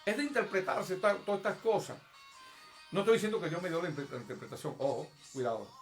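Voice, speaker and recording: A man preaches to his congregation in a high, emphatic voice. He talks to them directly and acts out prayers with raised intensity. Soft music plays faintly behind him during the service. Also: quick pace. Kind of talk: evangelical sermon. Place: church service.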